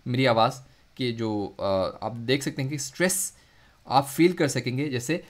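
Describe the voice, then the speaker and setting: A man with an Urdu accent, a Quran recitation teacher giving a lesson, who explains slowly and then draws out the sounds he demonstrates. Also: mid-range voice. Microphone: close mic.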